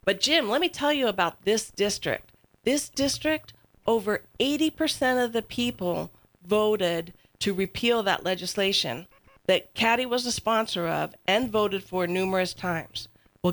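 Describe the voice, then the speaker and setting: A woman's voice: mid-range voice, a bit bright, low-quality recording. A woman speaking as a radio talk show guest, making conversational political points with rhetorical, pointed phrasing.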